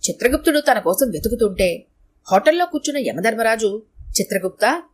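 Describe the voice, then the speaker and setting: Woman storyteller, higher voice, lively expressive narration. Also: normal speed, slight background noise.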